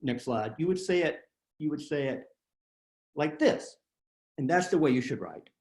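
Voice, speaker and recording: A man's voice: on the high side, lively intonation, moderate pace, a little mellow, echoey room. A man giving a writing workshop on a video call, plain-spoken and self-deprecating, with frequent fillers and restarts. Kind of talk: webinar presentation.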